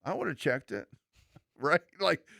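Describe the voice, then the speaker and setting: Expressive and medium-pitched, this pastor talks at a normal pace on the church podcast he co-hosts. He's earnest and preachy, frequently starting over and performing quoted remarks, and the studio sound is clean with no echo.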